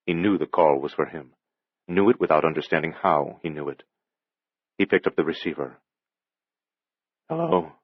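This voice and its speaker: A man giving a measured, dramatic scripted audiobook narration. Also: a bass voice, husky, no echo, dull audio.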